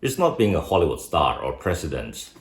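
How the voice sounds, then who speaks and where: A man's voice: extremely low pitch, very animated, a little fast, very noisy. A man from Indonesia with an Indonesian accent, hosting a scripted advice video and speaking directly to viewers. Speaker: YouTube host. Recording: roomy indoor echo.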